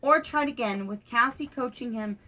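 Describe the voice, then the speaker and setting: Reading a picture book for her podcast, a young woman stays gentle and a little animated, giving the characters small upward lifts. The recording is rough, and her fairly high voice keeps a moderate pace.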